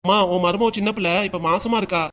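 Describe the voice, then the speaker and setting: A woman's voice: medium pitch, fairly even intonation, quick pace, voice pushed down, close to an everyday voice. A woman voicing a meek grown son in a cartoon. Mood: gentle. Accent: southern Tamil. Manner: short, mild replies. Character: adult son, soft-spoken and dutiful.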